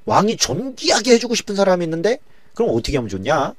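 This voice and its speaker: A man's voice: high-pitched, sing-song, fast talker, no echo, pitched above the performer's own voice. A man voicing a blunt, commanding ancient king in a dramatized Bible retelling. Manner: imperious and blunt. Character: commanding, hot-tempered ancient male king.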